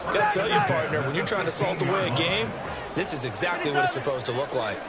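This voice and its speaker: A man's voice: a little high, expressive, fast talker, very noisy. A man with an American accent giving folksy, conversational analysis as a football color commentator.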